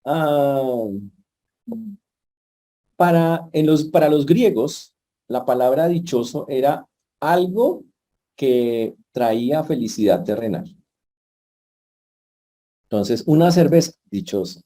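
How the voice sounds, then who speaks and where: A man's voice: mid-range voice, slow pace, pauses often, warm tone. A male pastor, preaching a sermon in a conversational way and putting questions to the congregation. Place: church.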